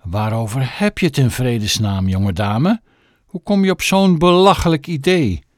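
A man voicing a stern, snobbish mother with political ambitions, shrill and scolding, for an audiobook. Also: animated, moderate pace, no echo, studio quality, close to an everyday voice. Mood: indignant. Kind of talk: audiobook character voice.

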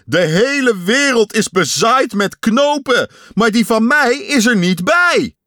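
A fussy little male creature from a storybook, complaining about his lost button, as a man puts him on. He stretches out his words slowly and his pitch swings about a lot. The sound is dry and close. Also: very animated, dry recording. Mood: upset. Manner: complaining, slow insistent emphasis. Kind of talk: storybook voice acting.

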